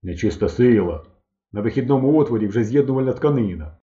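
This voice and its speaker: A man's voice: lively intonation, quick pace, warm tone, highs cut off, close to an everyday voice. A man reading aloud as a stern, caustic elderly woman doctor who speaks sharply and bitingly. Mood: dry. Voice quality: hoarse bass voice.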